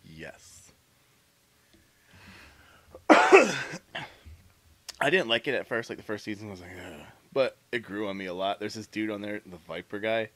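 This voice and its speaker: A man's voice: on the low side, measured pace, long pauses, pushed and bright, no echo. A man co-hosting a podcast in casual chat, swearing often and trading jokes with his friends. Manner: profane, joking banter. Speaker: podcast co-host.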